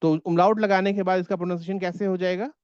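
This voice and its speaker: A man's voice: high-pitched, fairly even intonation, fast, darkish tone, smooth, dull audio. A man teaching a German class online in Hindi, patiently repeating words so his students can echo them.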